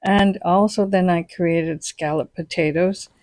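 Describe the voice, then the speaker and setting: An older woman narrates her camping trip at an outdoor campsite, chatting and telling stories as she hosts her vlog. She speaks in a fairly low, steady, slightly mellow voice at a measured pace.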